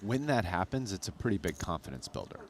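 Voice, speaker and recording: Male poker pro commentating, extremely low pitch, casual, conversational, loosely phrased analysis, noisy background. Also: big pitch swings, fast. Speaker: professional poker player, guest commentator. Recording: noticeable background noise.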